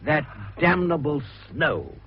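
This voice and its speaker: An actor playing a harassed, irritable British police superintendent in a radio drama, with a brisk, emphatic, exasperated manner. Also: male voice, a little high, wildly swooping pitch, heavily acted. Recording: muffled radio broadcast, faint noise.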